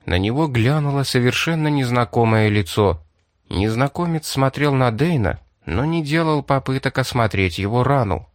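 A male narrator reads the chapter in a steady, measured way. His voice sits at an ordinary middle pitch. The sound is dry and close, with no room around it. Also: no room sound. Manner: even, measured reading. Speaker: audiobook narrator. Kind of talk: scripted narration.

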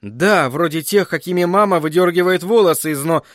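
A man's voice: sits high, a little fast, no echo, clean studio sound, pitched above the performer's own voice, close to an everyday voice. A man voicing a frightened young man of twenty who speaks timidly and falters.

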